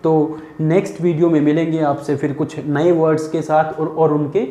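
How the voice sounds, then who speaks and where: A man's voice: on the high side, flat delivery, mellow, reverberant. A man teaching English pronunciation in a lesson, drilling each word and answering his own questions. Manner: slow, repetitive drilling of words, asks then answers himself. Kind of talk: Hindi-language lesson.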